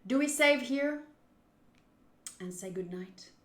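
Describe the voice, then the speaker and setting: Streaming a visual novel, a woman narrates its text in a measured way, then bursts into loud reactions and casual commentary. Her voice is high-pitched, bright and expressive, and the room echoes clearly.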